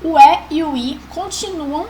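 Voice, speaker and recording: A woman's voice: high voice, measured pace, warm tone, slight background noise, rough recording. A woman, patiently explaining a grammar lesson as a teacher and often checking in with the class.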